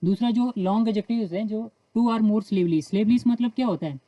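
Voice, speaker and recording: An Indian-accented woman explains English grammar rules in Hindi one step at a time, slowly reading out the English example sentences. Her mid-range voice has a warm tone, and the recording is dry with the high frequencies cut off.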